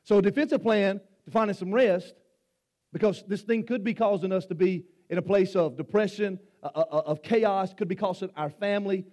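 A middle-aged man preaches, his voice sitting unusually high for a man. He talks in a folksy way, stumbling over repeated words and teasing his congregation. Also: fairly quick, darkish tone. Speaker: pastor. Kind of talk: sermon.

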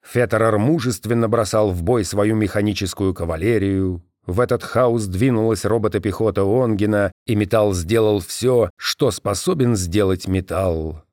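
Male audiobook narrator, low and measured, dry booth sound. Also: darkish tone, no room sound. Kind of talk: audiobook reading.

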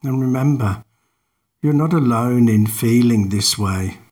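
A man leads a guided meditation at a very slow pace. His voice sits at a middle pitch, and his delivery is calm and measured. He gives each instruction with long pauses around it.

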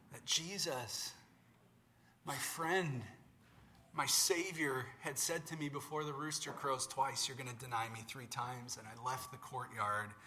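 A man preaching in the voice of a remorseful male apostle, retelling his denial haltingly and emotionally. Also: mid-range voice, sharp tone, a little hiss or hum. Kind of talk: dramatized scripture in sermon.

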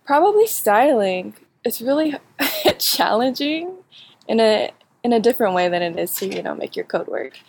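A young woman answering interview questions about her bootcamp projects, halting with many fillers and frequent laughs. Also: on the high side, very animated, gravelly, a little mellow. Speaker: bootcamp graduate.

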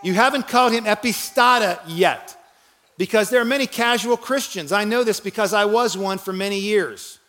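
A male pastor delivering a sermon, swinging from loud calls to quiet, low lines. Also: moderate pace. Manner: preaching with dramatic swings in volume and pitch, shouting the cries.

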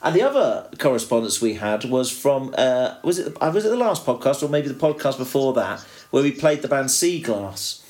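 A British man chatting loosely as a podcast co-host, his voice sitting at an ordinary middle pitch. He rambles, starting sentences over and trailing off, in an easygoing, unscripted way. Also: sing-song, moderate pace, hardly any pauses, a little mellow. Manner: rambling, with many restarts and fillers. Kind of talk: casual chat.

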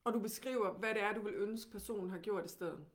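A woman with a Danish accent teaching, who guides calmly and gently with many questions. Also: medium pitch.

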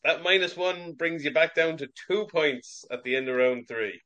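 Guy running a sports quiz on a video call, steady, reads questions out carefully. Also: fairly high pitch, normal speed. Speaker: quiz master.

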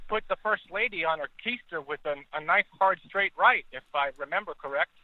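A man's voice: high-pitched, a little fast, no echo. A man calling in over a speakerphone, rambling and stammering through restarts. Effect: phone speakerphone. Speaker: caller. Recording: tinny dry phone line.

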